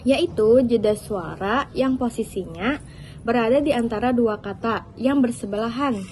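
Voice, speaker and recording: A young woman with a fairly high voice reads a prepared lesson explanation at a steady pace. Her delivery is even and scripted. Faint noise runs under the recording. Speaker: student presenter. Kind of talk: read-aloud explanation.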